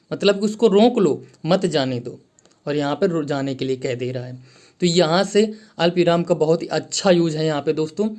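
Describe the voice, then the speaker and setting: Higher-pitched man teaching grammar. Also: a little mellow. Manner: repeats key phrases, addresses viewers as friends; slows down to read out example sentences. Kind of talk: Hindi grammar lesson.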